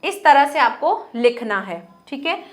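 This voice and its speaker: In a very animated voice that sits high, a young woman teaches a Hindi grammar lesson. She answers her own questions and slowly repeats words to model their pronunciation.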